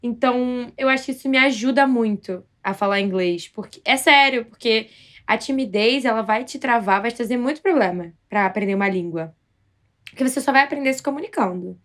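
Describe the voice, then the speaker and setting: A woman's voice: on the high side, a little fast, fairly bright tone. A Brazilian woman co-hosting a casual podcast, telling stories in a bold, self-mocking way. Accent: Brazilian Portuguese. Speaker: podcast co-host.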